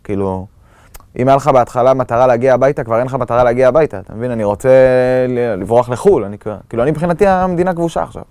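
A young man from Israel giving a halting personal testimony of surviving an attack, with many fillers and restarts. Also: mid-range voice, expressive, a little mellow, no room sound. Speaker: eyewitness recounting an attack.

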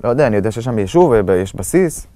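A young man from Israel giving a halting personal testimony of surviving an attack, with many fillers and restarts. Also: lowish voice, animated, mellow, no room sound. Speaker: eyewitness recounting an attack.

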